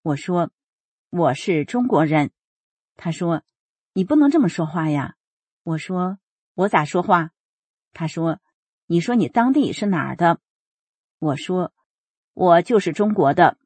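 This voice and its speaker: A woman reading a first-person account aloud in an earnest, steady storytelling manner, voicing the quoted dialogue plainly. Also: lowish voice, measured pace, pauses often, breathy edge, no room sound.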